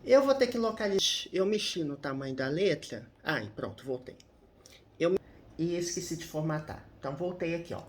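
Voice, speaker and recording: A man's voice: a little high, lively intonation, brisk, roomy sound. A man teaching English grammar in a casual, chatty way, often adding little tag questions as he explains.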